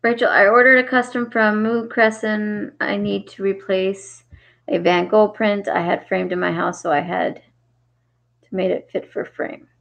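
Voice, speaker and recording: A woman's voice: medium pitch, level tone, measured pace, gravelly, a bit bright. A woman hosting a casual crafting livestream, chatting with viewers and reading their comments aloud with frequent laughs.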